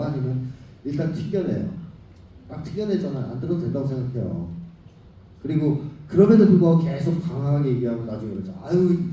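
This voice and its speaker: A middle-aged man lecturing a union audience, blunt and animated, firing rhetorical questions and acting out quoted insults. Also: medium pitch, dull audio, slight background noise. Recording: echoey hall picked up from far off.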